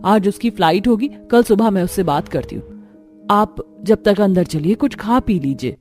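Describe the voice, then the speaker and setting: A loyal, hardworking young daughter from a cartoon story, voiced by a woman, with a plain mid-pitched voice. She speaks caring and firm, rising to stern scolding, over soft music. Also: expressive, normal speed, natural voice. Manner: caring but firm, scolding when angered.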